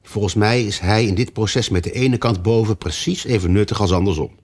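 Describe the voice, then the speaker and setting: A man's voice: lowish voice, a little fast, darkish tone, close to an everyday voice. A man voicing a sensible, outspoken young girl in a storybook reading, speaking plainly and firmly.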